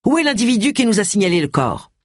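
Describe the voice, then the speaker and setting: Brief: curt, barking male inspector read by the narrator, husky, pitch swinging widely. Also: sing-song, fast talker, no echo, clean studio sound. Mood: gruff, irritated. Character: grumpy tall police inspector, man, middle-aged.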